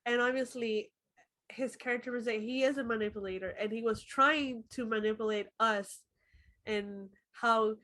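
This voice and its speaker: Higher-voiced woman giving a film opinion. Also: steady tone, moderate pace, a bit bright. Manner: laughs often, talks through thoughts with fillers. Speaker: podcast co-host, film reviewer. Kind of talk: casual film review chat.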